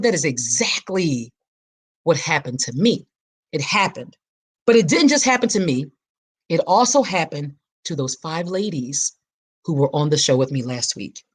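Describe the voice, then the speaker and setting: A woman's voice: low voice, breathy edge. A woman hosting her own podcast in an impassioned, preacher-like monologue, repeating phrases for emphasis. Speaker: podcast host.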